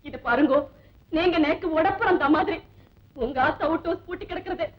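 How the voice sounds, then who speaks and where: An actress playing a nagging, sharp-tongued young wife in a 1970s film comedy, swinging between laughter and sobs. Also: female voice, extremely high pitch, normal speed. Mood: complaining. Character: fed-up young wife of a turncoat husband. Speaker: exasperated wife. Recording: dull old film soundtrack.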